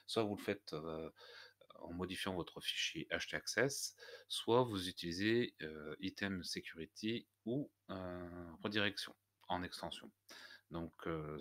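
A man walking viewers through a software tutorial step by step, hesitant and full of fillers. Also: low voice. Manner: hesitant, many "heu" fillers, step-by-step explaining. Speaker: WordPress tutorial host. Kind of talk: screencast tutorial.

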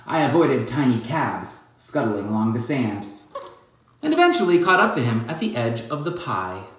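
A man's voice: mid-range voice, moderate pace. Playful man reading a picture book aloud. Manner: playful, animated storytelling with asides. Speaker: children's book author. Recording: very echoey room.

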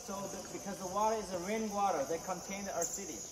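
Guide echoing in a cave. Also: male voice, high-pitched. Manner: halting, simple explanatory English. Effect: cave echo. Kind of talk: explaining to a tour group. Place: inside a large cave. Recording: echoey cave from a distance with background noise.

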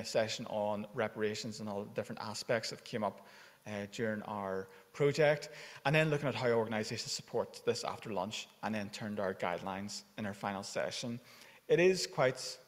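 Male organiser, informal and filler-heavy, low-pitched, lectern mic in a big echoey room. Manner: informal, chatty, with many fillers. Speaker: conference organiser and academic. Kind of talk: conference welcome talk. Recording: long hall reverb.

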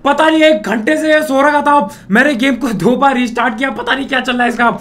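Speaking briskly in a very high-pitched voice despite a sore throat, a gaming YouTuber provides casual, jokey let's-play commentary. He gets excitable and playfully mocks the game character he's controlling.

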